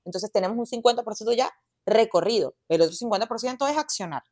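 A woman's voice: on the high side, quick pace, a little mellow, no room sound, studio quality. A young adult woman with a Venezuelan accent, a podcast guest chatting casually and animatedly, slipping into quoted inner voices. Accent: Venezuelan Spanish.

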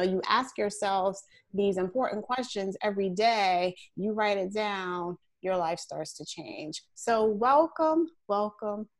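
A woman hosts a casual online interview, taking her time over each phrase. She talks in a chatty way and stretches out the words she wants to stress. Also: mid-range voice. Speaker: host.

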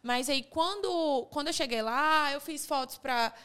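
A young woman co-hosting a casual podcast, telling her story with lively quoted dialogue and repeated restarts. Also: high voice, a little slow. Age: young adult. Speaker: podcast co-host. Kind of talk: casual chat among friends.

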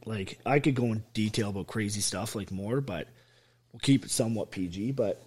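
A middle-aged army veteran, a podcast guest, telling a painful personal story bluntly, with constant swearing and raw emotion. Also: male voice, lowish voice, normal speed, darkish tone, husky. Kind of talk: candid interview storytelling.

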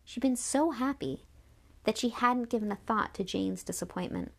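A woman narrating a children's novel in an audiobook, with expressive storytelling. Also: fairly high pitch, normal speed, vocal fry.

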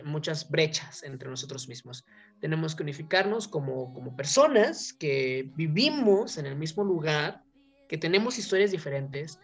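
A Mexican woman with a low-sitting voice hosts a talk show, sharing her opinions in a loose, discursive style and frequently checking that others agree.

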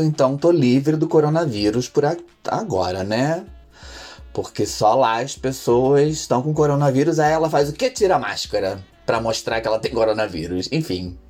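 A man at a mid pitch co-hosts a casual podcast. He delivers his jokes in a dry, wry way, with faint music behind him. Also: animated, moderate pace, a little mellow. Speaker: podcast co-host.

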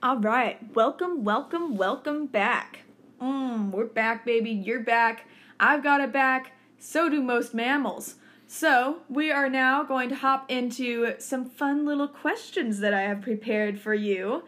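A woman's voice: on the high side, slow pace, a bit bright. Playful woman hosting a podcast. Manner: playful, leads the questions. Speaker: podcast host. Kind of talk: casual chat.

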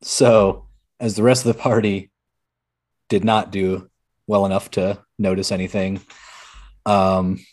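A man's voice: deep voice, flat delivery, measured pace, long pauses, darkish tone. Hesitant man playing a tabletop game. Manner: hesitant, thinks aloud with fillers. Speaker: player. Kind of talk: casual tabletop play.

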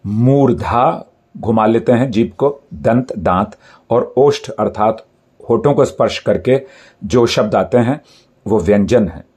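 A man teaches a grammar lesson at an unhurried pace. He draws out each sound as an example. His voice is husky and mellow. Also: mid-range voice. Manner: slow, deliberate, drawing out each sound as an example. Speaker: Hindi teacher.

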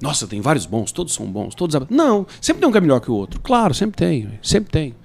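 A man from Brazil in casual chat, animated and joking, often mimicking people. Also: fairly high pitch, quick pace, gravelly.

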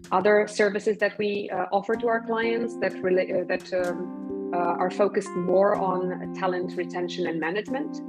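A woman from Poland, a recruitment professional, answering interview questions in a measured, thoughtful way with frequent ums. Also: fairly low pitch, low-quality recording.

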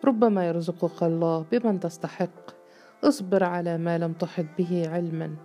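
A woman voicing a patient older sheikh who calmly counsels endurance. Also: on the high side, normal speed, soft background music, natural voice.

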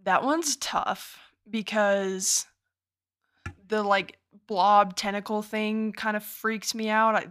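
A woman's voice: mid-range voice, steady tone, slow pace, fairly bright tone, smooth. A young woman co-hosting a podcast, answering thoughtfully in casual chat, with short reactions. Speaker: podcast co-host.

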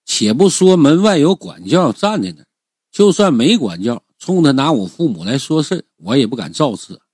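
Brief: male audiobook narrator, husky, lively rising-falling pitch, chatty storytelling with drawn-out particles. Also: no echo, clean studio sound. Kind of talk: first-person audiobook narration.

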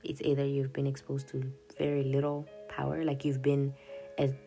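Her voice rumbles low and dark, delivered completely flat at a moderate pace. A young Swahili-native woman hosting a casual podcast rambles over her journal notes, with frequent laughs, self-interruptions and "yada yada," while faint music plays behind.

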